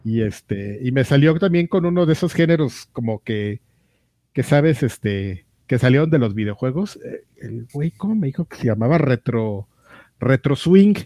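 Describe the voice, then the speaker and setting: A man's voice: mid-range voice, animated, moderate pace, mellow, no echo. A man with a Mexican accent co-hosting a podcast in casual, slangy, hesitant chat. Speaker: podcast co-host.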